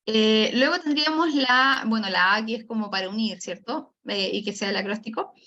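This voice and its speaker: A woman's voice: on the high side, moderate pace, pushed and bright. A woman speech therapist, giving an online lecture, explaining step by step with many fillers and tag questions. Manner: acts out storytelling examples for children. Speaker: speech therapist teaching a course. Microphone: video call. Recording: dull lo-fi video call audio.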